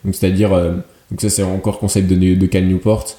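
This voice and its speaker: A man with a low, very dark and mellow voice explains his views in a casual podcast. He pauses often to think. His voice rings in a roomy, echoey space. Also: flat delivery. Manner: reflective, explanatory, hesitant. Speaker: podcast co-host. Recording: roomy echo.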